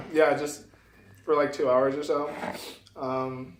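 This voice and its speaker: A young man hosts a vlog indoors over a meal, answering questions in a relaxed way as he eats and humming "mm" between thoughts. His medium-pitched voice barely moves in pitch, and he speaks slowly. The mic sits far off in an echoey room, picking up faint noise.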